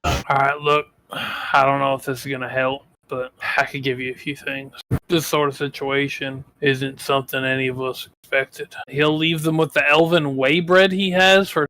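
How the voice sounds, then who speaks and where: A man playing a tabletop game, speaking in a measured, deliberate way. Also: mid-range voice, level tone, sharp tone, no echo. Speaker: player. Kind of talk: tabletop role-play.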